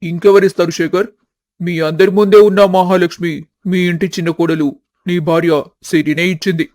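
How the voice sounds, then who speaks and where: A man voicing a boastful, scheming village headman in an animated family story. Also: high-pitched, moderate pace, dry recording, clean studio sound, natural voice. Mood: gloating. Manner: mocking, boastful.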